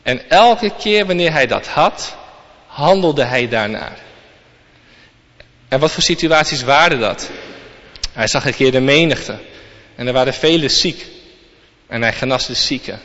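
A man's voice: mid-range voice, animated, unhurried, long pauses, fairly bright tone. A man giving a sermon, reading scripture aloud and then explaining it to the congregation. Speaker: preacher. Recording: long reverb, dull lo-fi sound.

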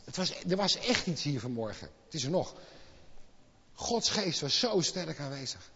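A man preaching a sermon in speech, impassioned and swinging from quiet asides to loud exclamations. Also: a little high, very animated, normal speed, background noise. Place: church hall. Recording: lo-fi with long hall reverb.

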